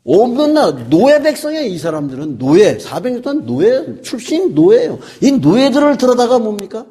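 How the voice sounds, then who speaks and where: A man's voice: very high-pitched, sing-song, fairly quick, mellow. A middle-aged man preaching a sermon as pastor. He asks the congregation questions, answers them himself and repeats key words for emphasis.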